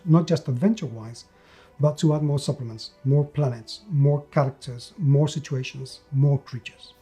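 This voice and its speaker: This show host's voice is fairly high and mellow as he talks to camera in an opinionated review, hammering his points emphatically by repeating words.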